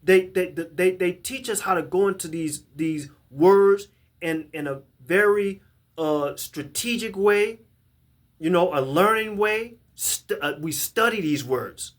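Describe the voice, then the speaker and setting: Speaking to a camera, this man teaches from scripture in a voice that sits high and sounds a bit bright. He is a Bible teacher, and his reading of the verses is emphatic, full of repetitions and restarts.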